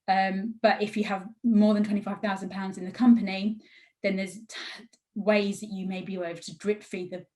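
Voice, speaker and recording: A woman's voice: on the low side, a little mellow, rough recording. A woman giving an explanatory webinar presentation as a professional adviser. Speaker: guest speaker, professional adviser.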